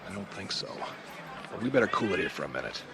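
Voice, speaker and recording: An actor playing a cocky, easygoing space smuggler with a wry, offhand manner in an audio drama. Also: male voice, low-pitched, very animated, quick pace, sharp tone, heavily acted. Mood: cautious. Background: orchestral film score.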